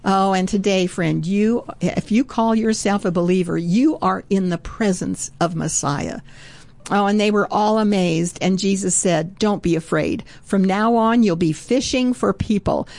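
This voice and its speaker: A woman's voice: on the low side, dark tone, no echo. Earnest woman preaching, dry close sound. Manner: earnest, exclaims "oh" often. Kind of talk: sermon.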